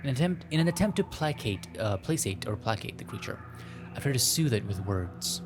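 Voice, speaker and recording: Very animated and fairly quick, a man of medium pitch hosts a gameplay video and reads a visual novel aloud. Music plays behind him while he makes playful, self-mocking comments and trips over the text.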